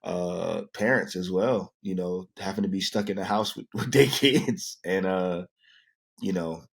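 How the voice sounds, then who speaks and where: Low-voiced man in his thirties chatting. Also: measured pace, vocal fry, husky. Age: 30s. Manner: relaxed storytelling, many fillers. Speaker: podcast co-host. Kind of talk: casual chat.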